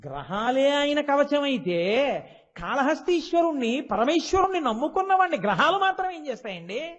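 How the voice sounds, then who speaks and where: High-pitched man giving a devotional discourse. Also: very animated, moderate pace, a bit bright, dull audio. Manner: emphatic storyteller, voicing the characters in quotes. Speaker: religious discourse speaker.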